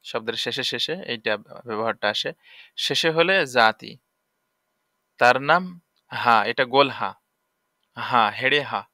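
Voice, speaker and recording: A man's voice: medium pitch, a little slow, long pauses, sharp tone, dry recording, clean studio sound. A man teaching Arabic letters for Quran reading, patiently repeating each sound drill-style.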